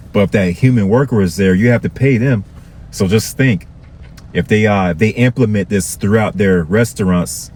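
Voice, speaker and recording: A man's voice: low voice, darkish tone, a little hiss or hum. A man from Florida, talking casually to his viewers and often checking in with "okay". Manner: conversational, repetitive, addresses viewers with "okay". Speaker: vlogger.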